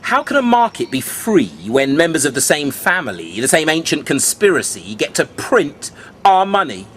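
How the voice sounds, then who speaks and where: A man with a fairly high voice performs rhyming spoken-word verse like a cool beatnik. He stretches phrases for drama and confides in the listener like a mentor sharing a secret. There is clear noise behind him. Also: big pitch swings, normal speed, a bit bright. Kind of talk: rhyming stand-up beat poetry performance.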